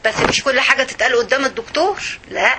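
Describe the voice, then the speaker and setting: A woman with an Egyptian accent giving a religious talk to women, animated and asking the audience rhetorical questions. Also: high-pitched, racing, noisy background. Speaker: religious speaker.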